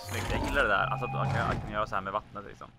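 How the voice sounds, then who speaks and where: A man casually commenting on his own gameplay, chatty and excitable, talking to himself as he plays. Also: on the low side. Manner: chatty, excitable, talks to himself while playing. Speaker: let's play host. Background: video game music.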